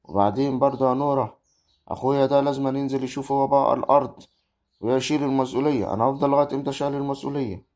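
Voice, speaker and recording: A man's voice: mid-range voice, fairly even intonation, racing, darkish tone, natural voice. A man with an Egyptian accent acting a young village husband caught between his wife and his mother in an amateur family drama. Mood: musing. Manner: exasperated, arguing.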